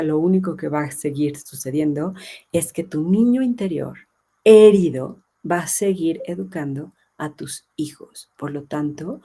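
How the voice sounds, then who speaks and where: A woman hosts a live parenting session and reads out viewer comments as she goes. Her voice sits a little low, and she speaks in an earnest, emphatic way. Now and then she drops into soft asides in the voice of a hurt inner child. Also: husky.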